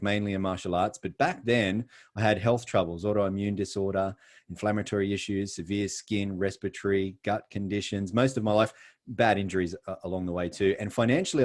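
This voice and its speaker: Pausing often, a middle-aged Australian delivers an emphatic, earnest sales presentation on a video call. He speaks with a lowish, slightly mellow voice.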